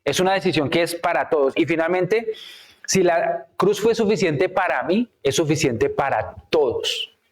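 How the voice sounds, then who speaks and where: A man's voice: on the high side, expressive, moderate pace. Male preacher with a raised voice who works the congregation with questions and acts out scripture scenes. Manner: frequent rhetorical checks with the congregation; acts out biblical characters' words. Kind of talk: sermon. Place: church in Canada.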